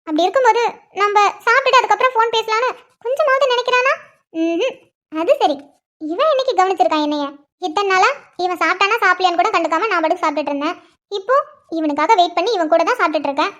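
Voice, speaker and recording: A woman's voice: extremely high pitch, lively intonation, fast, fairly bright tone. A woman voicing a fussy, teasing young wife in a cartoon, scolding and grumbling to herself. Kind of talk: cartoon voice acting.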